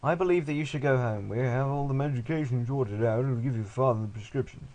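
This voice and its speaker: Man voicing a mild game doctor, calm and reassuring, barely acted. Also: mid-range voice, brisk, lightly acted. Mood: earnest. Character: calm male hospital doctor, middle-aged.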